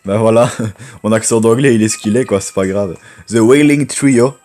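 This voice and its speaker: A man with a low voice giving rambling, chatty gameplay commentary and talking to viewers as friends. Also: fairly even intonation, fairly quick, warm tone, faint music behind. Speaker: gaming YouTuber.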